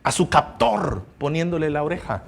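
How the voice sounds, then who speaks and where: A man preaching a sermon as pastor of a church, passionate, rising to loud emphasis and dropping to hushed tones, and asking his listeners rhetorical questions. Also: fairly high pitch, very animated, normal speed, gravelly, a little hiss or hum. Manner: asks the congregation rhetorical questions.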